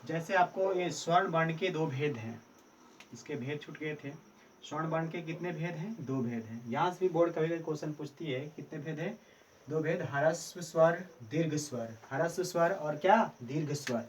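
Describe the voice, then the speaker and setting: A man's voice: fairly high pitch, moderate pace, far from the mic, slight background noise. A male teacher giving a Hindi grammar lesson, asking questions and answering them himself, repeating key answers. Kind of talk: Hindi grammar lesson for board exam students.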